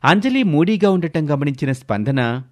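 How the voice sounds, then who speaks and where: A man reads a scripted story narration. His voice sits fairly high and moves animatedly up and down as he tells it. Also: very animated, moderate pace, faint music behind.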